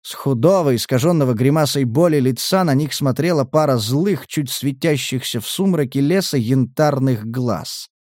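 A man narrating an action novel in a measured, steady read. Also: mid-range voice, dry recording, clean studio sound. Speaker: audiobook narrator. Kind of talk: scripted narration.

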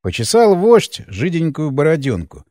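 Man, first-person audiobook narration, ironic, animated, slightly high, dry close sound. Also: moderate pace, no echo. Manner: lively, ironic storytelling, hero's lines shouted up.

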